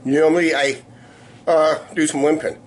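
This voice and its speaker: A man's voice: a little high, fairly even intonation. Middle-aged man, weak sore voice, noisy room. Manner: rambling, repetitive, halting. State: weak, sore voice after a week of coughing. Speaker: vlogger. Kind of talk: casual video diary chat. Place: small living room, indoors. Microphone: camera at arm's length. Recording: noisy room ambience on camera mic.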